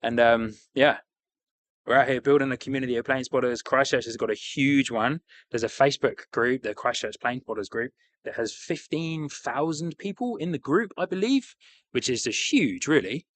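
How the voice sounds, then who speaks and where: A man's voice: mid-range voice, normal speed, a bit bright, no room sound. A man with a broad New Zealand accent chatting casually as a livestream host, upbeat, matey and enthusiastic. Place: outdoors beside an airport.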